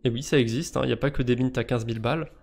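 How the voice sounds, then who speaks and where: A man's voice: medium pitch, fairly even intonation, rapid-fire, vocal fry, a little mellow, slight background noise. Joking French man streaming crypto quests. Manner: joking, self-mocking, thinks aloud with fillers. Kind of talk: casual live-stream commentary.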